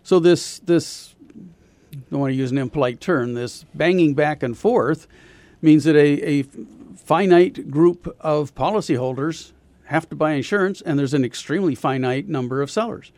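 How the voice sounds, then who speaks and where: A man speaking as an insurance consultant guest on a radio talk show, explaining things in a measured way with pauses and fillers. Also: on the high side, darkish tone, dry recording. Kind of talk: radio interview answers.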